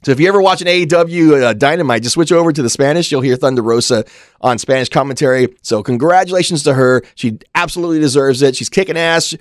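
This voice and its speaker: A man's voice: fairly high pitch, quick pace, no echo, studio quality. A man co-hosting a podcast in casual banter, emphatic and given to repeating his phrases. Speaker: podcast co-host.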